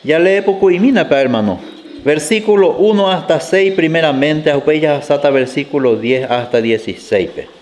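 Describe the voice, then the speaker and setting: A man's voice: on the high side, normal speed, a little mellow, slight background noise. A man preaching a sermon, reading scripture aloud and explaining it to his congregation, often calling them "brother.". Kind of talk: sermon mixing Spanish and Guarani.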